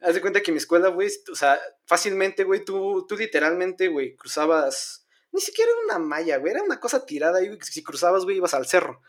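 A man's voice: sits high, big pitch swings, quick pace. A young man with a Mexican Spanish accent, telling a story in casual chat, slangy and self-mocking, with lots of filler words.

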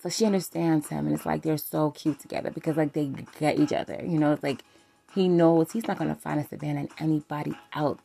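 A woman's voice: sits low, steady tone, quick pace, creaky, warm tone, breathy edge. A woman hosting a podcast, talking about relationships in a candid, rambling way, swearing freely and filling her talk with "like". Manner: loose and rambling, full of "like" fillers. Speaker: podcast host.

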